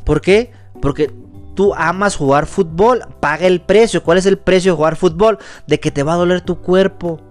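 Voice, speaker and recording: A man delivers an earnest, preachy motivational talk as a podcast host. His voice sits high for a man, and soft music plays faintly beneath it. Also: moderate pace. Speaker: podcast host giving a reflection. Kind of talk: motivational monologue.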